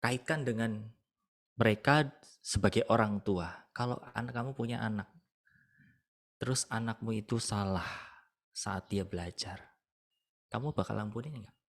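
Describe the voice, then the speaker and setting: A man's voice: fairly low pitch, normal speed, pauses often. A man leading an online discipleship class, teaching casually and emphatically, with rhetorical questions.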